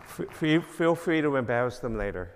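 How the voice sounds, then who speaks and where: This guest minister is an older Long Island man with a New York accent, whose medium-pitched voice swings widely in pitch at a normal speed. In a church sanctuary he gives a rambling, self-deprecating, filler-heavy informal introduction, with some chatter in the background and a church hall's long reverb.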